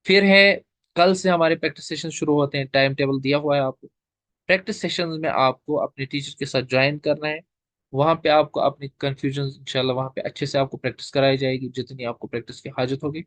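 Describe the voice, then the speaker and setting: Man, tajweed teacher, online class, patient step-by-step explaining, slightly high voice, dry close sound. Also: dry recording.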